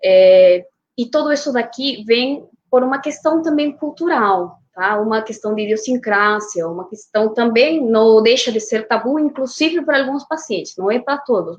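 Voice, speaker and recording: A Peruvian woman, a native Spanish speaker, speaks Portuguese with a Peruvian accent as a guest urologist on an online panel. She is measured and often checks in with "né" and "tá". Her voice is a little high, and the recording is muffled.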